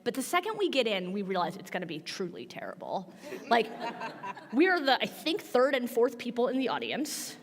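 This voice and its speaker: A middle-aged American woman telling a personal story in an animated, informal way, often saying "like" as she goes. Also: a little high, moderate pace. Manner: informal, frequent "like" as filler, laughs while telling. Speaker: minister and guest on a panel. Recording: echoey hall with long reverb.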